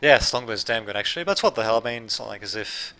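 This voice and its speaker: This gameplay commentator is an expressive fast talker whose medium-pitched voice sounds pushed and bright. Serbian by origin and raised in Australia, with a light Australian accent, he rambles through a strategy game, correcting himself and chatting with his audience.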